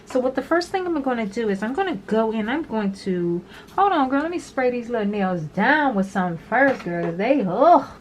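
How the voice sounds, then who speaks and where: A woman's voice: on the high side, expressive, moderate pace. A woman chatting through a nail tutorial at home, talking straight to her viewers and rambling as she repeats herself. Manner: talkative, addresses viewers as "girl". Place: small home room with an overhead fan. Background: fan hum.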